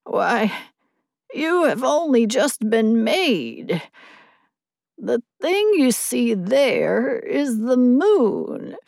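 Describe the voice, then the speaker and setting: Woman reader doing a hoarse old male dog: slow, gruff, lecturing the young. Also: a little high, sing-song, a little mellow, no echo, clean studio sound, pitched above the performer's own voice, full character voice.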